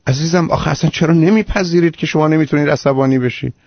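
A man's voice: a little high, creaky, dry recording, muffled recording. A man hosting a radio call-in advice show, lecturing a caller sternly and emphatically.

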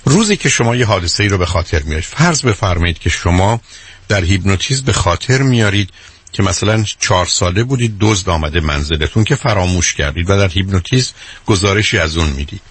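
A man's voice: sits low, lively intonation, a bit bright, slightly rough, no room sound. A man speaking as a hypnotherapist guest in an interview, explaining his points carefully with worked examples in a lecturing way.

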